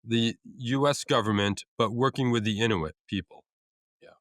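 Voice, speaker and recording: A man's voice: mid-range voice, normal speed, dry recording, clean studio sound. A man co-hosting a casual podcast, reading out food trivia with frequent uhs and restarts. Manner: reads out facts with many uhs and restarts. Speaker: co-host.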